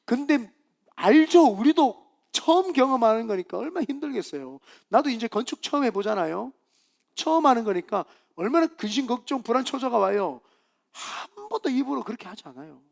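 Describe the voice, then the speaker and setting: Animated, gravelly pastor preaching. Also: male voice, very high voice, brisk. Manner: animated storytelling, acting out voices in quotes. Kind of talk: Friday evening sermon.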